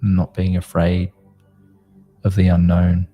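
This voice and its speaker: A man leading a guided meditation in a slow, gentle, soothing manner, like a sleep story narrator, in short spaced phrases. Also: sits low, completely flat delivery, soft background music. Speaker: meditation guide, host of a live group session.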